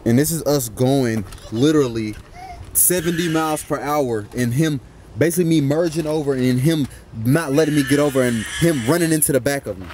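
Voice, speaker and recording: A young man talking fast and straight to his viewers in a casual vlog, outdoors by a car. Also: mid-range voice, darkish tone, slight background noise. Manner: fast, talks straight to viewers, calls them y'all. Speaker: vlogger.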